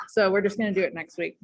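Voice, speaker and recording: Woman, English teacher, classroom, casual chatty delivery, filler words, mid-pitched voice. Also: a little hiss or hum. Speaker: high school English teacher.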